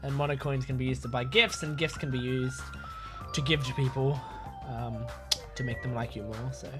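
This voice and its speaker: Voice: mid-range voice, fairly even intonation, normal speed, loud music behind the voice. A game player casually talking through their gameplay in a chatty, rambling way, with plenty of fillers. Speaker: game commentator.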